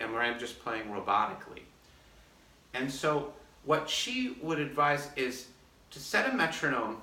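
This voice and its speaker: A man talking through his practice method in a friendly, methodical way, his voice bright and forward. He is filmed on a phone set back from him, so the room sounds echoey and distant. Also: medium pitch. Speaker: orchestra concertmaster. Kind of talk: casual practice demonstration.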